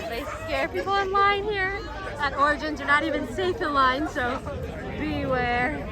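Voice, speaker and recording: A woman's voice: high voice, normal speed. A woman hosting a casual vlog at an outdoor theme park, filmed on her phone, chatty and upbeat with frequent laughs. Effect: phone video recording. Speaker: vlog host. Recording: phone video with loud music and crowd.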